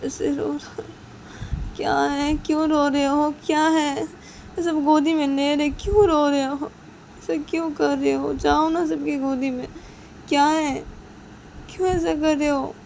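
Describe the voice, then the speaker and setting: A woman voicing an emotional young man who has just adopted a baby, in a high, pleading, tearful voice. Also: little pitch movement, unhurried, gravelly, darkish tone, slight background noise. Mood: fretful.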